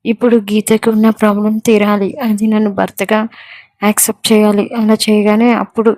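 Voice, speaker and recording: Lady reading a serious young husband, firm and calm, steady flat delivery. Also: medium pitch, brisk, dry recording, natural voice. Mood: earnest. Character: stern devoted young husband.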